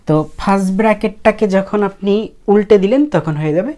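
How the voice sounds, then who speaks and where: A woman's voice: medium pitch, a little fast, dark tone. A woman teaching how to write characters, explaining casually and thinking aloud as she goes. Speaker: language teacher.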